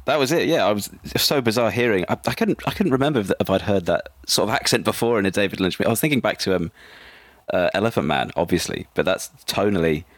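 A man's voice: lowish voice, animated, fast talker, no echo. A man co-hosting a podcast, chatting casually about a film with hesitant restarts. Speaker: podcast co-host.

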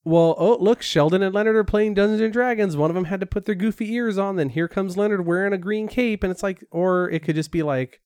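A young man with a slightly high voice talks in loose, animated podcast banter, acting out the people in his stories. The sound is dry and close. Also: a little fast, few pauses, clean tone, dry recording. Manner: animated storyteller who acts out quotes. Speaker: podcast co-host. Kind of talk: casual chat.

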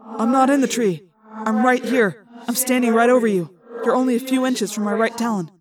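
A woman's voice: fairly high pitch, moderate pace, recorded from a distance, crowd noise, pitched above the performer's own voice, natural voice. A woman voicing an insistent teenage boy who urges his friends on. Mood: warning. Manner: urgent, pleading.

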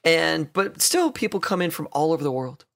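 A man's voice: a little high, very animated, moderate pace, gravelly, fairly bright tone. A man with an American accent hosting a gaming podcast, chatty and easygoing, laughing often. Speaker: podcast host. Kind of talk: casual podcast chat.

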